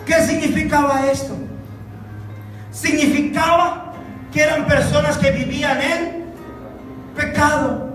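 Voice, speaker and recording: A man preaches slowly in a high voice, leaning on repetition and breaking into fervent shouts. He sounds far from the mic in a very echoey sanctuary, with soft music underneath. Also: flat delivery. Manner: impassioned preaching, rising to shouts; slow, deliberate phrasing with repetitions. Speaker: pastor. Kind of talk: sermon. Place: church sanctuary.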